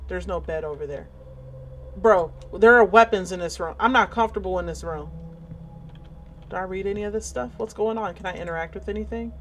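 A woman's voice: lowish voice, slight background noise. A woman streamer giving casual, chatty commentary while playing a horror game, reacting aloud. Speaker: gaming streamer. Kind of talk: let's-play commentary.

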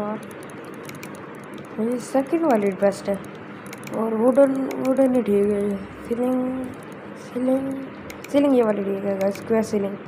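A woman hosting a gameplay video, giving chatty, casual commentary as she plays and often addressing her viewers as guys. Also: medium pitch. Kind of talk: casual let's-play commentary. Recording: steady background noise.

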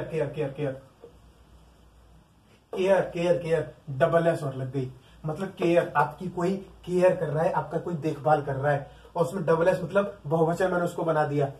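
A man's voice: on the high side, a little mellow. A man with an Indian accent teaching an exam-prep vocabulary lesson. He drills words by repeating them over and over and keeps asking the class questions. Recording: echoey room, mic at a distance.

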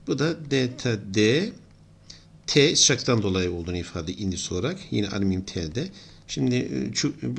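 A man's voice: medium pitch, gravelly, a bit bright, breathy edge. A middle-aged man giving an engineering lesson, explaining steadily and thinking aloud as he writes. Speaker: engineering lecturer. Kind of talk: whiteboard lesson.

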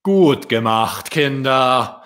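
A man doing a wise, gentle father swan. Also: mid-range voice, very slow. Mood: reassuring. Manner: calm, patient and reassuring.

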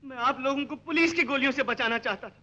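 An earnest, simple village man who pleads and swears oaths with total conviction. The voice sits very high and sharp. It comes from a muffled 1960 film soundtrack. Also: fast. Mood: accusing. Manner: impassioned, swearing oaths, imploring.

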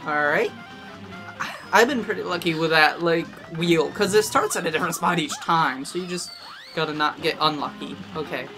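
A let's play gamer giving excitable gameplay commentary and exclaiming often while playing. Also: mid-range voice, normal speed, over music.

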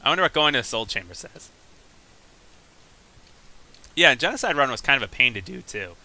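A man giving excitable, chatty gameplay commentary, reacting aloud as he plays. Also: mid-range voice, a little fast, poor audio. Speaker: let's play gamer.

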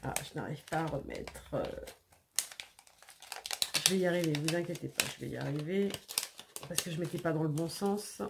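A woman's voice: low voice, moderate pace, gravelly, long pauses, heavy background noise. A woman hosting a scrapbooking channel, unboxing mail in a casual, chatty way with many hesitations and repeated words, sniffling a little. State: sniffling after sneezing.

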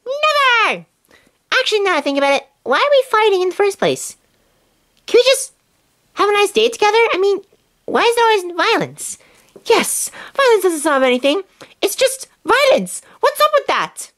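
Woman, very high voice, lively pitch, stuffed-animal play-acting, silly character voices. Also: a little fast.

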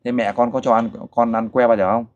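A man's voice: mid-range voice, fairly quick, dull audio. Coaxing Vietnamese man interviewer. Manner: coaxing, animated with the child. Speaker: host interviewer for a volunteer group. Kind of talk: casual interview.

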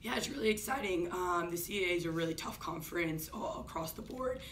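A woman coach gives quick postgame answers, her voice low and even. She talks fast, with plenty of ums. The recording is distant, with faint hiss in a room. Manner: quick, steady, many ums. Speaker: head coach. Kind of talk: postgame press conference answers. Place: office-like room, indoors. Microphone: far camera.

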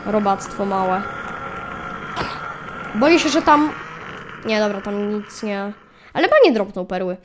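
A woman's voice: mid-range voice, animated, measured pace, pauses often, a little hiss or hum. A woman casually commenting on her gameplay, chatting to viewers and yelping at attacking mobs. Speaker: gaming channel host. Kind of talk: casual let's play commentary.

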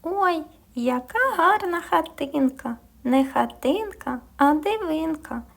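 A woman voicing a cheerful little female mouse from a fairy tale, with a high, delighted, sing-song delivery. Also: lively intonation, slow pace, vocal fry, fairly bright tone, exaggerated voice.

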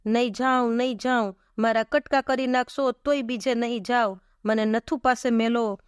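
A woman's voice: on the high side, steady tone, moderate pace, clean tone, dry recording, studio quality, lightly acted. A woman voicing a heartbroken young village wife who pleads insistently. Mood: pleading.

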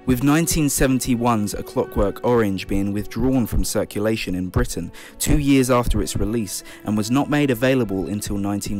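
A man reading scripted documentary-style narration for a video report. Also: on the low side. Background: music.

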